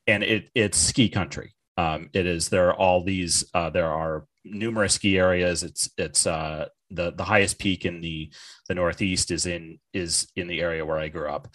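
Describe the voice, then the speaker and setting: A man's voice: low voice, steady tone, normal speed, fairly bright tone. A man in his thirties from New Hampshire, chatting on a podcast, rambling and repeating words as he thinks. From northern New Hampshire, USA. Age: 30s. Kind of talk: casual podcast chat.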